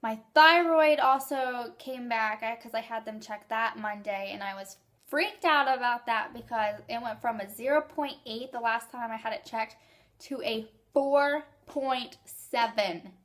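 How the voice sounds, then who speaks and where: A young woman talking casually to her viewers in a rambling, excited and emotional way, with hiccups. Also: a little high, measured pace. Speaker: vlogger sharing fertility journey. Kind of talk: casual vlog.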